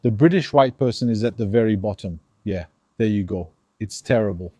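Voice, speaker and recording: In a voice on the low side, this Algerian commentator speaks a little fast, animated and emphatic, acting out dialogues in an opinion monologue for his viewers. No room sound is audible.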